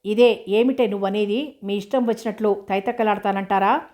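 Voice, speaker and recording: A woman's voice: mid-range voice, steady tone, normal speed, darkish tone, close to an everyday voice. A woman reading as a harsh scolding father. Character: domineering, suspicious middle-aged father.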